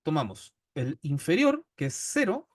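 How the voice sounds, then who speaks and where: Patient Chilean teacher, higher voice. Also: male voice, very animated, measured pace, dry recording, clean studio sound. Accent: Chilean Spanish. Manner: patient, checks in constantly with "¿ya?". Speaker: statistics teacher. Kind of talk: classroom lecture. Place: classroom.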